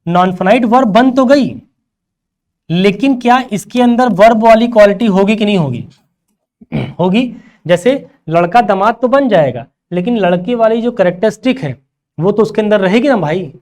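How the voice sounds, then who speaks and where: A man's voice: high-pitched, lively intonation, normal speed, darkish tone. A male teacher giving a grammar lecture, who asks rhetorical questions and answers them himself and calls his students "beta".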